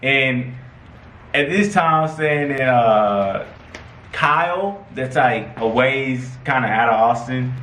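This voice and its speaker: Young American man, mid-pitched, laid-back slangy storyteller, recorded with room echo. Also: animated, takes it slowly, fairly bright tone. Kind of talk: casual chat and storytelling. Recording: echoey room, faint background noise.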